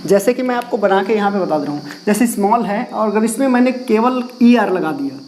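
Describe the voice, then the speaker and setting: A man's voice: sits high, lively intonation, fairly quick, darkish tone, slight background noise, rough recording. A man teaching English grammar to a class, asking questions and repeating the key words as he explains. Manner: writes and erases on a board while explaining. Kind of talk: classroom lesson explained in Hindi.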